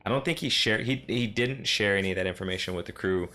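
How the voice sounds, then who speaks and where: A man's voice: on the low side, fast talker, bright, forceful tone. A man serving as game master, casually recapping a tabletop session in a rambling, self-correcting way.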